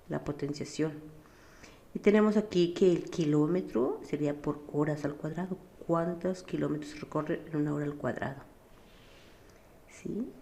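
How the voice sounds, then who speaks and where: A woman teaches a physics lesson in a low, mellow voice. She explains each step patiently and keeps checking in with her students. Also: creaky. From Mexico.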